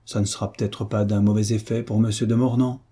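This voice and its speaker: A man voicing a jovial, mocking hunchbacked marquis in an audiobook reading, with a husky voice and a teasing, theatrical manner. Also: lowish voice, flat delivery, fairly quick, warm tone.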